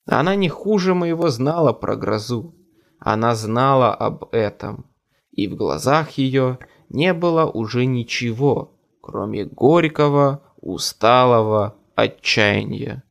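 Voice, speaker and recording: A man giving measured, dramatic first-person audiobook narration. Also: medium pitch, animated, gravelly.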